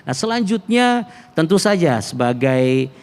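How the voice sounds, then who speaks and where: A man's voice: fairly high pitch, very animated, unhurried, clear, resonant tone. A man hosting a conversational talk show, speaking through a face mask in a wordy, polite way and repeating himself for emphasis. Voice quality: slightly muffled by a face mask. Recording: reverberant hall.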